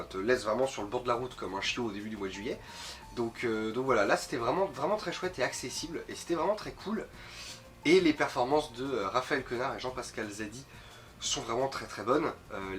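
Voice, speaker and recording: A man with a medium-pitched, slightly bright voice sounds nasal and sniffly from a mild cold. He hosts an informal, rambling film review, talking casually to camera and often stumbling over and repeating words.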